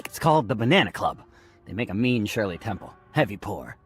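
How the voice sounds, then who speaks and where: An actress playing a dramatic, self-serious video game character who narrates with theatrical, deadpan earnestness. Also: female voice, rumbling low, a little fast. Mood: brooding, dramatic.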